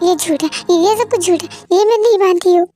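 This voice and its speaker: A woman's voice: very high-pitched, quick pace. A woman voicing a betrayed young woman who accuses and cries in a fan-dub audio drama. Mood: defiant. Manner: accusing, tearful, shouting. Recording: music playing behind.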